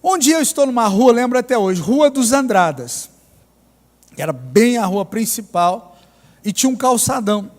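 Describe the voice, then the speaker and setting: A pastor with a Mineiro accent, telling a story in a sermon with ironic humor. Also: male voice, extremely high pitch, expressive, normal speed. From Minas Gerais, Brazil. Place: church. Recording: reverberant church hall.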